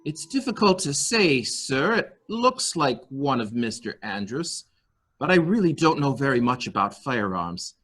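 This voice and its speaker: In a murder mystery reading, a man voices a primly servile male nurse-attendant to a rich invalid, his tone formal, hesitant and obsequious. His voice is medium-pitched, sing-song and fairly bright, a little slow, with a nervously formal mood.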